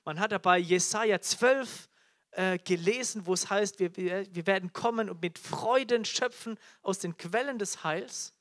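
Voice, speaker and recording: A man's voice: sits high, unhurried, fairly bright tone. A man preaching a live sermon to a congregation, fervent, often calling out hallelujah and repeating key phrases. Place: church teaching event before a congregation.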